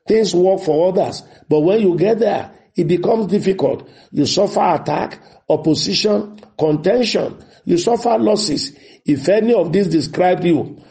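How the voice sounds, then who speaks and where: Radio pastor with a high, dark voice. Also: male voice. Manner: declaring prayers in short commanding phrases; reads listener letters aloud and answers them. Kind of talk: prophetic prayer and counseling on radio. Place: radio studio.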